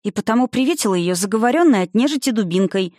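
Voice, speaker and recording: A woman reading a feisty, sulky young village witch girl with a rustic dialect, voiced higher and indignant. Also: animated, fast talker, darkish tone, dry recording, clean studio sound, lightly acted.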